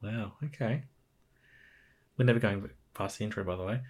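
A man's voice: fairly low pitch, normal speed. A man with an Australian accent hosting a casual podcast, teasing his co-host in playful banter. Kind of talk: casual chat.

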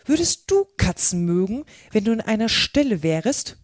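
An indignant, easily offended little mouse from a storybook, read by a woman. Its lines are clipped and sharp. The recording is dry with no room sound. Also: medium pitch, normal speed, no room sound, natural voice. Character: small touchy frightened mouse, indignant.

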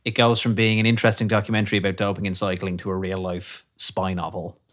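A man's voice: low voice, flat delivery, quick pace, a bit bright. A man co-hosting a casual film podcast, enthusiastically retelling documentaries he loves. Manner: enthusiastic storyteller, talks through film recommendations. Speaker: podcast co-host. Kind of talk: casual chat.

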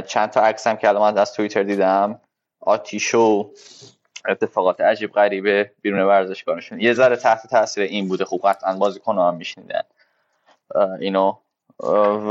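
A man co-hosting a football podcast, analysing casually and haltingly as he searches for words. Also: fairly low pitch, little pitch movement. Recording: dull, lo-fi live audio.

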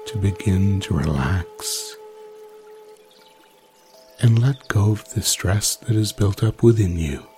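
A man with a deep, warm voice guides listeners toward sleep with a meditation told like a story, calm and unhurried, with long gaps between phrases.

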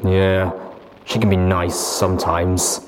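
A man voicing a wounded, sullen male pony who speaks slowly in low, flat, carefully measured tones. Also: background noise, lightly acted.

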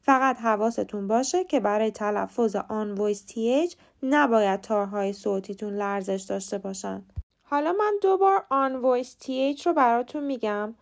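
A woman hosting a short podcast lesson, explaining pronunciation in clear, patient steps. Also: fairly high pitch. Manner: clear, patient step-by-step instruction. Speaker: podcast host teaching English pronunciation. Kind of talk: scripted lesson narration.

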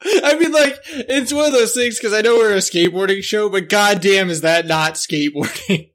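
A man's voice: high-pitched, moderate pace, fairly bright tone. A man hosting a skateboarding show, chatting casually, swearing and laughing. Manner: laid-back, swearing, laughing. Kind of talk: casual chat.

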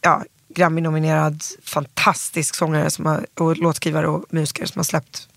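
A man's voice: on the high side, completely flat delivery, creaky, fairly bright tone, no room sound. A man, a guest singer telling rambling, self-interrupting stories in a casual interview. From Sweden.

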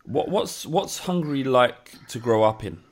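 A man hosting a podcast, asking questions in a hesitant, halting way. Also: medium pitch, expressive. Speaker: podcast host. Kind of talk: interviewing a guest.

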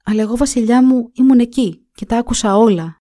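A woman's voice: on the high side, dark tone, dry recording, clean studio sound, voice pushed up, natural voice. A woman reading a folk tale aloud and voicing a bold, stubborn young man who gives curt, insistent commands. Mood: earnest. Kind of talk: storybook reading.

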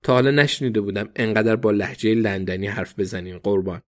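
A man voicing a sharp young policewoman who speaks wryly and confidently in a read storybook. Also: lowish voice, close to an everyday voice.

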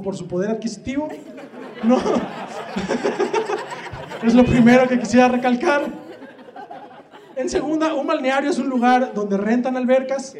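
A man's voice: very high-pitched, darkish tone. A man with a Mexican accent doing a crude, rambling stand-up comedy routine full of slang and swearing. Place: comedy club stage. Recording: echoey live venue with audience.

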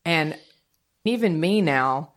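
A woman's voice: sits low, expressive, slow pace. A woman giving advice in casual podcast chat, blunt and emphatic, swearing freely.

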